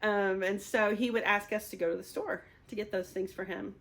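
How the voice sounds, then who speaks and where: A woman in her fifties gives a personal testimony in a candid, openly emotional way. She often laughs through painful memories, and her voice sits at an ordinary, medium pitch. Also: fairly even intonation, moderate pace, a bit bright. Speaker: speaker sharing a personal testimony.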